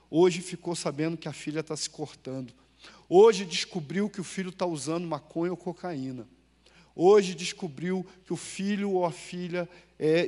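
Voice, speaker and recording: A Brazilian pastor delivers a sermon to his congregation in a high voice. He tells homely stories and throws questions to the pews, swinging from loud bursts to hushed asides. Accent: Brazilian Portuguese. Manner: storytelling, lively swings between loud and hushed. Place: church.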